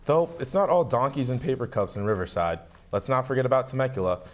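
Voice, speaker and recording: A man's voice: medium pitch, expressive, quick pace. A young man co-hosting a student local news feature, reading a friendly script with light quips. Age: young adult.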